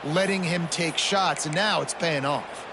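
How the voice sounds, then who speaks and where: A man's voice: fairly high pitch, a little slow. An American man working as a football analyst, giving his opinions conversationally. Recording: very noisy, loud stadium crowd.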